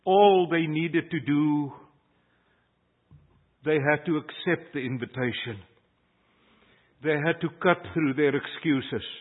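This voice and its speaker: An older pastor from South Africa, Afrikaans by first language, preaches in South African English with a mid-range voice over phone-quality sound. His sermon is earnest and emphatic, rising whenever he reaches a key phrase.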